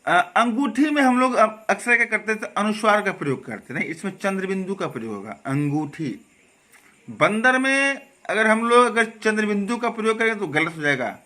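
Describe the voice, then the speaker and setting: A man's voice: high-pitched, big pitch swings, sharp tone. A man teaching a Hindi grammar lesson, patiently repeating wrong and correct pronunciations and checking in with his students. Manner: explains patiently, repeats wrong and right forms, checks with "है ना?" and "okay?"; slow, careful stress on corrected words. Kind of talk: classroom lesson.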